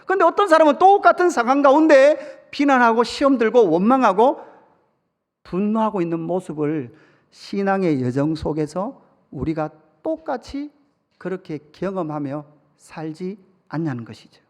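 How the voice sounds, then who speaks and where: A male pastor with a fairly high voice delivers a sermon, engaging his congregation through questions and funny stories. His lively, moderately paced speech echoes through a church sanctuary with a long reverb tail.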